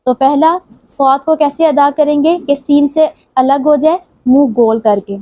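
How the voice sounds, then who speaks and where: High-voiced woman teaching Quran recitation. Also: dark tone, no echo. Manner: patient, explains each sound, then recites drawn-out Arabic words. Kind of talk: tajweed lesson with slow recited examples.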